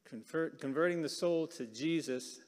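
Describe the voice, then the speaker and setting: Higher-voiced preacher in a reverberant hall. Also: male voice, moderate pace. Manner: keeps checking in with the listeners with "right?". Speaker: preacher teaching a Bible class. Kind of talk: conversational sermon. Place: church auditorium.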